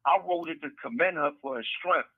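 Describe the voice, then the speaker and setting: Husky man on a prison phone. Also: a little high, fairly quick, no room sound. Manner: rambling, repeats words, street slang. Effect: on a prison phone call. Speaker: interview guest, author. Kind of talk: casual storytelling interview. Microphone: prison telephone handset. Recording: tinny prison phone line.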